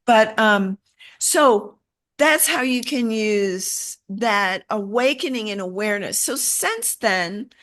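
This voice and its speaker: A middle-aged woman telling a personal story as an interview guest, animated and acting out the voices of people she quotes. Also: medium pitch, slow.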